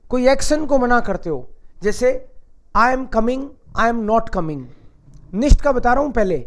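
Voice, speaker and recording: A man with a fairly high voice teaches a German grammar lesson. He talks in a loose, conversational way, teasing the learners and peppering them with rhetorical questions. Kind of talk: casual classroom-style lesson.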